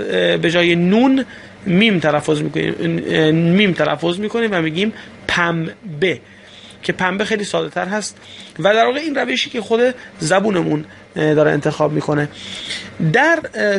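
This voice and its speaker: A man with a high-pitched, gravelly voice gives a language lesson. He explains each rule patiently and in small steps, pausing often to hesitate. Faint noise sits behind his voice. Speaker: Turkish language teacher.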